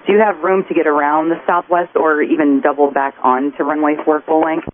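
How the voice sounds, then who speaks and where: A man's voice: on the high side, steady tone, a little fast. A man working as an air traffic controller, giving instructions to pilots over an aviation radio with static. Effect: aviation radio transmission with static. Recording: noisy narrow-band air traffic radio.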